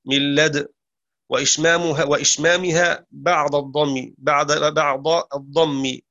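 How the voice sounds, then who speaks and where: A man teaching Quran recitation. He explains rules quickly, recites verses slow and drawn out, and corrects his own slips aloud. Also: fairly high pitch, level tone, pushed and bright, dull audio. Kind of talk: tajweed lesson with recited verses.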